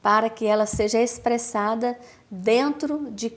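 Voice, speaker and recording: A woman with a Brazilian accent, a speech therapist giving a calm, didactic explanation in a TV interview, with measured pauses. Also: fairly high pitch. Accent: Brazilian Portuguese.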